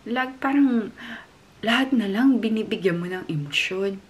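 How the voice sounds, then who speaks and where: A young woman from the Philippines, chatting casually to the camera in a vlog, emotional and quick to laugh. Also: medium pitch. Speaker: vlogger.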